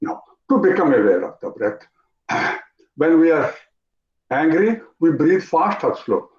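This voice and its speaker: A man with an Indian English accent, teaching an online yoga class, talking in an animated way, repeating phrases and asking his students questions. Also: on the high side, a little slow. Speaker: yoga instructor. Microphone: video call. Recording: roomy, dull lo-fi video call audio.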